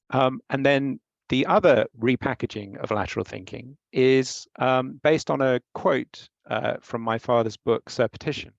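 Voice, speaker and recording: A man who heads a company, explaining a training method in measured way during a panel discussion over what sounds like an online call. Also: mid-range voice, gravelly, no room sound. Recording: dry, dull lo-fi sound.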